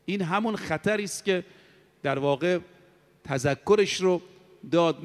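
A man preaching a sermon to a congregation, who slows down to draw out Arabic quotations. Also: high voice. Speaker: cleric preacher. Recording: long hall reverb.

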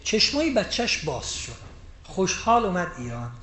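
A man preaching a sermon, moving between loud emphatic rises and hushed, quiet storytelling. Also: sits high, big pitch swings, a little hiss or hum. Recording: echoey room with faint ambience.

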